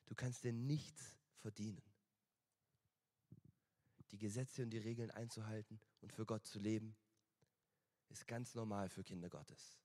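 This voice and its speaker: Husky-voiced man preaching in a reverberant hall. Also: fairly low pitch, steady tone. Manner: emphatic preaching that swings between loud appeals and quiet, slowed lines. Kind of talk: church sermon.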